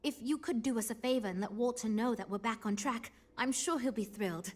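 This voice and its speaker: An actress voicing a weary but earnest starship designer in a video game, speaking in a dry, wry, patient way. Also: female voice, on the high side, a little fast, darkish tone, lightly acted. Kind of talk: video game character dialogue.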